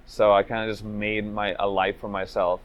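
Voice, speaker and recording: Low-voiced man, reflective. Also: little pitch movement, normal speed, highs cut off. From Venezuela, raised in Trinidad. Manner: reflective, loose, with frequent "like" and "you know". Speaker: speedrunner interviewee. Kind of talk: casual interview storytelling.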